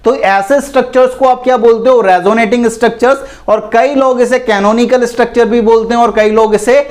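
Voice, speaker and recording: A man teaching an exam-prep chemistry lecture, asking the class questions and answering them himself, calling students "bhai". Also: extremely high pitch. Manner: repetitive, asks and answers own questions; calls listeners "bhai".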